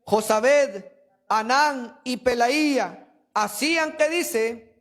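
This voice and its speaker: Predicador de voz muy aguda, enfático, retórico; sermón en iglesia. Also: male voice, very high-pitched, drawn-out words, a bit bright. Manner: emphatic preaching, addresses listeners as brother. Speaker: preacher. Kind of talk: sermon. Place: church.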